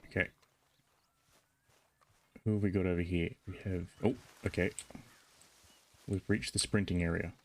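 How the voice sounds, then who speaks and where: A man streaming a video game and chatting along in a jokey, casual way. His voice sits very low. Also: flat delivery, measured pace, long pauses, a little hiss or hum. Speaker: livestreamer. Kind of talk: casual gaming commentary.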